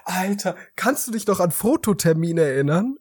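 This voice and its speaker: Young male podcast co-host, high husky voice, dry close mic, crude teasing banter. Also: expressive, moderate pace, darkish tone, dry recording. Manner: joking, teasing, crude humor. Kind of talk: casual chat.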